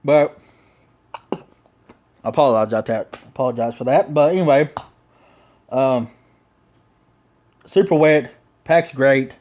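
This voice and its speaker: This product reviewer is a man with a Southern US accent whose voice is mid-pitched and darkish. He talks around a lip crammed with dipping tobacco, taking his time with long pauses in a casual, meandering, slangy review.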